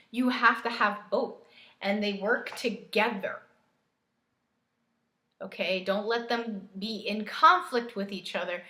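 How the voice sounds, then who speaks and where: A woman talks through a tarot reading in a loose, coaching way, laughing easily between points. Her voice is bright and forward, and the room around her rings with echo. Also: mid-range voice. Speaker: tarot reader. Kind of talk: casual spiritual reading to camera.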